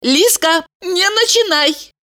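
A woman voicing a stubborn young woman in love, speaking high and defiant. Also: animated, slow pace, pushed and bright, exaggerated voice. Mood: indignant, stubborn. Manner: high-pitched, indignant, stubborn.

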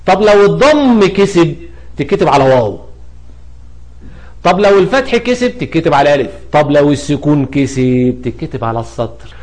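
A teacher with an Egyptian Arabic accent walks through spelling rules in a slightly high male voice. He poses questions and answers them himself, one step at a time. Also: sing-song, brisk, darkish tone. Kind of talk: explanatory grammar lesson.

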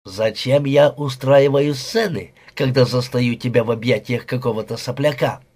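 A man's voice: medium pitch, fairly even intonation, moderate pace, darkish tone, breathy edge, close to an everyday voice. A man voicing a young jealous husband who sneers, insults and flies into rages, read aloud in an audiobook. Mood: sneering. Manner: sneering, explosive.

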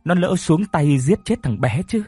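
This is a heartbroken old mother in a ghost story, stern and worn down by loss, as a male narrator puts her on. She speaks slowly and bitterly, pleading between accusations. The voice is mellow and breathy, in a dry close sound with faint music under it. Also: mid-range voice, lively intonation, dry recording. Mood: wailing. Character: grieving elderly mother, stern and broken.

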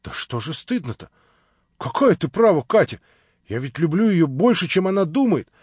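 Naive young man, read by a male narrator; plaintive, rambling, a bit lower and softer than the narration. Dry, dull-ish audio. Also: sing-song, normal speed, slightly rough, dry recording, exaggerated voice. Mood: self-justifying.

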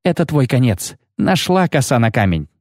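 A man's voice: mid-range voice, very animated, moderate pace, a little mellow, dry recording, studio quality. A man voicing a defiant young woman warrior on the run. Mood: shrill. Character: young female fugitive warrior, defiant and quick.

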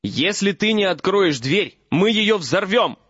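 A man's voice: high-pitched, big pitch swings, brisk, a bit bright, dry recording, dull audio, voice pushed up, heavily acted. A man doing a defiant teenage boy wizard. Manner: defiant, blunt. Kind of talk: audiobook character voice.

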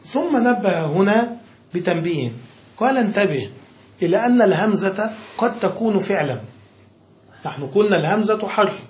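A man's voice: high-pitched, expressive, normal speed. A man teaching Arabic grammar from a classic text, reading passages aloud and often asking if he is understood. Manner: checks understanding with frequent questions; reads passages aloud then explains them. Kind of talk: explaining a grammar text to a student. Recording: echoey room with faint noise.

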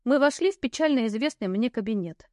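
A woman with a fairly high voice reads a first-person fantasy audiobook. Her telling is lively and wry. The sound is dry and close, with no room around it. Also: a little fast, dry recording. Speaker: audiobook narrator.

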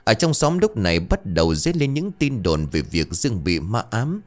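A man narrates a ghost story with dramatic expression. His voice is low but moves widely in pitch. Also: very animated, moderate pace, faint music behind.

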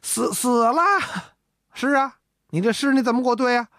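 Give me a woman playing a flustered, flattering scholar, in a close, dry voice. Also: on the high side, no room sound, voice pushed up. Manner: flustered, fawning, quick to improvise. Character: quick-witted flattering court scholar, man.

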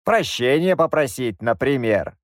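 Brief: male narrator as a sneering Roma heavy, calm threat, lively swings in pitch, dry audiobook. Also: measured pace, dry recording, close to an everyday voice. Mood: mocking. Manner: mocking, calm, drawn out. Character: grim middle-aged male Roma, mocking and menacing.

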